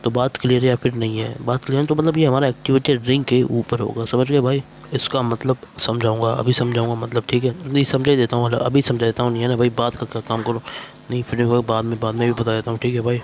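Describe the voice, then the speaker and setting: A man's voice: mid-range voice, level tone, fast talker, slight background noise. A man teaching chemistry in a casual exam-prep lecture, constantly checking in with "thik hai bhai" and coaxing students along.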